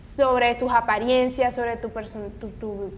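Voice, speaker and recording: A woman hosts a casual talk podcast, speaking slowly with fairly even intonation in an earnest, opinionated manner. The recording is noisy, with a low rumble behind her voice.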